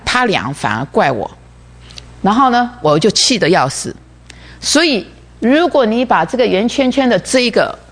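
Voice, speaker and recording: Animated preacher teaching off a diagram, keeps asking "you know?", stumbles and repeats words. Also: mid-range voice. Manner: repeats words, frequent rhetorical questions.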